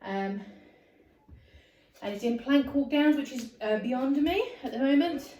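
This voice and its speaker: A woman's voice: high-pitched, expressive, measured pace, a little mellow, echoey room, recorded from a distance, rough recording. A woman from the UK, a fitness vlogger, chatting casually while exercising at home, a little out of breath. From United Kingdom. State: slightly out of breath. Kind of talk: casual talk during a home workout. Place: home room.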